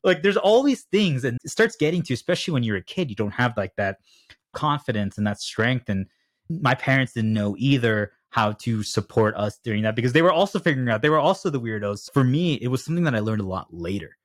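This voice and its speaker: A man hosting a casual podcast interview, talking at length in a rambling, animated way. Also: mid-range voice, a little fast, no room sound, clean studio sound. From United States. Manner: talkative, rambling, animated storytelling. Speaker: podcast host.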